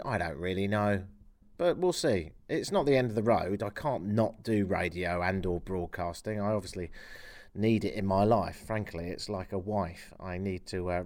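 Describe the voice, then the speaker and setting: Male radio host from England, middle-aged, lower register, expressive, dry self-mocking humor. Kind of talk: farewell radio show talk.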